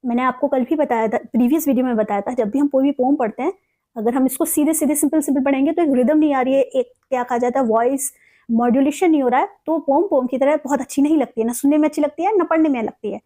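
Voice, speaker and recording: A woman with a high voice gives a recorded lesson on poetry. She switches between Hindi and English as she explains, and she slows right down to stretch each syllable when she reads out verse. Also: mellow. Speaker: teacher.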